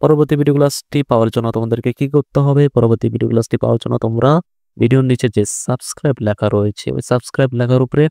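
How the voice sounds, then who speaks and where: A man teaching a recorded video lesson to young children, patient and repeating words slowly while asking the class questions. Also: medium pitch, steady tone, gravelly, mellow, no room sound, studio quality.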